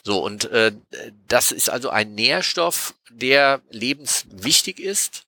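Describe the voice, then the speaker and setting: A man on a podcast explaining taste science in a patient, lecturing way, often pausing with hesitation sounds. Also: medium pitch, animated, bright, forceful tone, no echo. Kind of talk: casual explanatory podcast talk.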